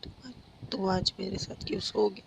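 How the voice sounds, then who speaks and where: A slightly hoarse narrator voicing a tired middle-aged mother in a spoken story. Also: mid-range voice, fairly even intonation, normal speed, a little hiss or hum, lightly acted, rough recording.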